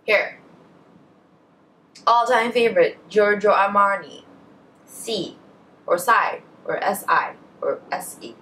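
A young Indonesian beauty vlogger answers a tag indoors in her bedroom, chatting in an Indonesian accent, correcting herself and trailing into asides. Her mid-range voice has a sharp tone and lively intonation, and she speaks slowly with long pauses. The camera is a short way in front of her, but the low-quality recording sounds distant.

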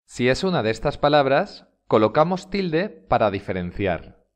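A man's voice: medium pitch, sing-song. A man with a Spanish accent from Spain, giving a scripted grammar lesson and stressing each example word. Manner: slow, deliberate, stresses example words. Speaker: Spanish teacher. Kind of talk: scripted instructional narration.

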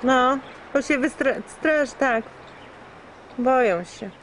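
A woman's voice: sits high, slow, fairly bright tone, a little hiss or hum, poor audio. A woman chatting casually with her family at home, explaining things to the children, heard on an old VHS home video recording through the camcorder microphone. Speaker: mother filming family at home. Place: home, near a lizard tank.

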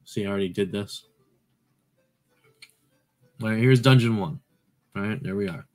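A man's voice: fairly low pitch, normal speed. Guy hosting retro game videos, chatty rambling commentary, keeps correcting himself, goofy little asides. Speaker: retro game channel host. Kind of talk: casual gameplay commentary.

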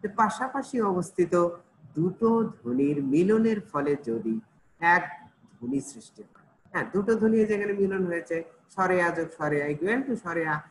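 Man, Bangladeshi Bengali accent, online class teacher, animated intonation, faint hiss behind. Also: fairly high pitch, poor audio. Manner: explains slowly, repeats and checks with "ঠিক আছে?".

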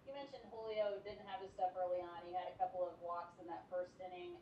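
A woman reporter putting questions to a manager at a press conference in a steady, formal way. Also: fairly low pitch, fast, echoey room, recorded from a distance, highs cut off, slight background noise.

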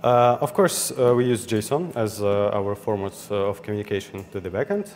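In a meetup room with an audience, a young Russian-accented man delivers a technical talk at normal speed in a lowish, slightly mellow voice. He sounds hesitant, restarting often and filling gaps. Hall reverb and faint ambient noise come through.

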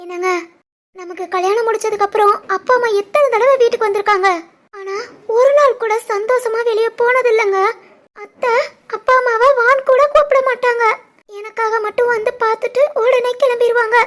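A woman voicing a tender, emotional young pregnant village wife in an animated family drama, with a Tirunelveli Tamil accent and a soft, tearful way of talking. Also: very high voice, normal speed.

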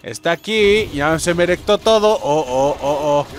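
Excitable Mexican gamer, lively high voice. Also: male voice, normal speed. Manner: excitable, swearing, yelps and shouts. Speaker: gaming youtuber. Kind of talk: live gameplay commentary.

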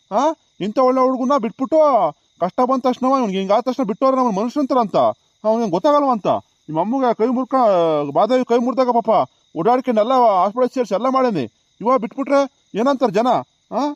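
A man's voice: extremely high pitch, quick pace, no echo, highs cut off. A man voicing an old village grandfather in a cartoon who reassures a crying girl and lectures a relative, chiding with repeated "ha". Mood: scolding.

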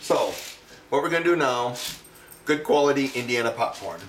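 A man's voice: medium pitch, expressive, moderate pace, a little hiss or hum. Wry, self-mocking man in an echoey kitchen. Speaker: home cooking show host. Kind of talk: casual cooking demonstration. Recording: roomy echo, distant mic.

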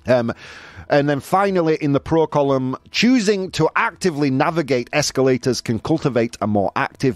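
The host of a casual live talk show, this man has a medium-pitched voice captured in a dry recording. He riffs on listener comments with animated, incredulous humor, peppering his talk with "dude."

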